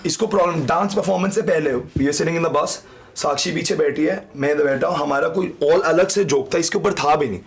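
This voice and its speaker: A man's voice: on the high side, fairly quick. A young man in a heated relationship argument, insisting and defending himself, mixing English into his Hindi. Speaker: reality show contestant.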